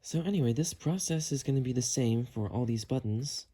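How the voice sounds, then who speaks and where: With a husky, warm, medium-pitched voice, a man briskly walks viewers through a cleaning how-to, explaining each step casually as his hands carry it out.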